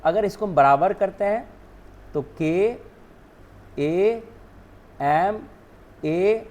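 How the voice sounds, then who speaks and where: A man's voice: high voice, extremely slow, darkish tone. A male teacher whose first language is Hindi, explaining spelling rules step by step, often asking and then answering his own questions. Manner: repeats "ठीक है ना", asks and answers own questions.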